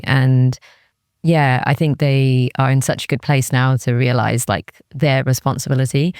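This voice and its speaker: Her voice is very deep and a little mellow, captured in clean studio sound with no echo. She's a Cardiff, Wales woman and music industry executive being interviewed as a guest. In a candid, serious, reflective way, she peppers her speech with "like" and often quotes what she was thinking.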